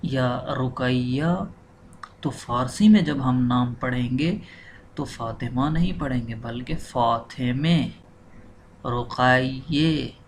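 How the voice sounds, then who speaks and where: Slow gravelly male teacher. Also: mid-range voice, slight background noise. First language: Urdu. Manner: patient, repeats and spells out words. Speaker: language teacher. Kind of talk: slow explanatory lesson.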